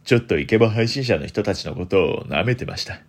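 A young man hosting a solo late-night radio talk in a deliberately low, deep announcer-like voice, polite and formal with theatrical flourishes. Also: animated, husky. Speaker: host of a solo internet radio show.

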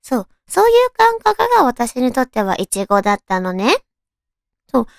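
A woman with a cute, girlish anime-like voice, chatting casually on her own as a radio talk host, with softly drawn-out phrasing. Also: on the high side, big pitch swings, vocal fry, no room sound, studio quality. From Tochigi, Japan. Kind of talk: casual solo chat.

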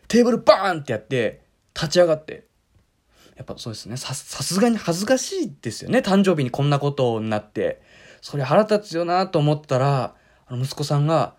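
A young man telling a funny anecdote in a casual, wry way on a talk app, acting out the people he quotes. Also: on the high side. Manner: animated, wry storyteller who acts out the people he quotes.

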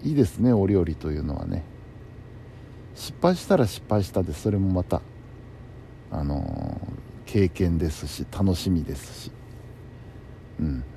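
Low-voiced man in a gravelly, musing chat. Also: sing-song, unhurried, pauses often, mellow. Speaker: host of a personal bedtime talk show. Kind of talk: casual solo chat. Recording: faint background noise.

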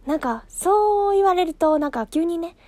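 A woman's voice: very high voice, lively intonation, moderate pace, darkish tone, no echo. A woman hosting her own casual solo talk show, chatty and self-deprecating, with many fillers.

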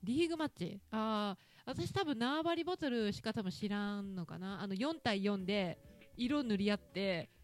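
Chatty Ehime-accented woman host, bright lively lilt, quick to laugh, faint music bed. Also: medium pitch. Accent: Ehime Japanese. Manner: laughs often, chatty and teasing. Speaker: podcast host talking with her daughter. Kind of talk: casual talk radio chat.

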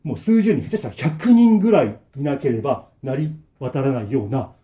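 A man's voice: mid-range voice, big pitch swings, fairly quick, dark tone, muffled recording. A man narrating a ghost story dramatically, acting out sound effects as he goes.

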